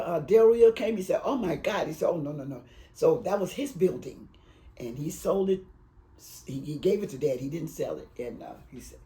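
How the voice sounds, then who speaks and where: A woman in her eighties, from Alabama but raised in Detroit, recounts her life story in an oral history interview, rambling and halting with emotion. Her voice sits low with a dark tone, and the audio quality is poor.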